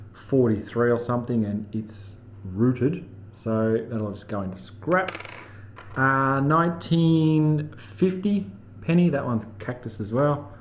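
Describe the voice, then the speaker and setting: A man's voice: mid-range voice, fairly bright tone, dull audio. An Australian man narrating casually while metal detecting outdoors, chatty and easygoing with plenty of slang. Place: outdoors in a grassy paddock.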